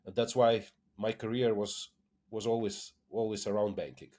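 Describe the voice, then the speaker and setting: Guy, deepish voice, keeps saying uh and repeating words, interview chat. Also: flat delivery, moderate pace, dark tone. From Lithuania. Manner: hesitant, many fillers and repeated words. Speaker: tech company founder, guest. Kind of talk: casual interview conversation.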